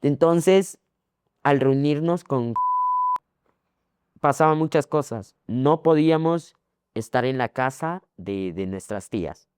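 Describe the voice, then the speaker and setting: A young man from Ecuador with an Ecuadorian accent, telling his story as a guest in a casual interview, repeating phrases and filling pauses. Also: mid-range voice, a little mellow, clear, resonant tone, dry recording, clean studio sound. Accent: Ecuadorian Spanish. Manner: rambling, repeats phrases, frequent fillers.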